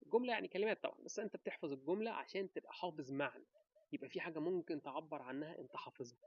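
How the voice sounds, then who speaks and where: An Egyptian man with an Egyptian Arabic accent gives casual advice to camera, animated and talking straight to the viewer with quick rhetorical questions. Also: fairly high pitch, no echo, highs cut off. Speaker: vlogger giving advice.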